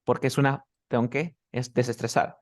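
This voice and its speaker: A man's voice: medium pitch, little pitch movement, no room sound. Man teaching pronunciation in a dry-sounding recording. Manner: demonstrative, repeats example sentences slowly to model stress; quizzes the student with quick questions. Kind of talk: one-on-one language lesson.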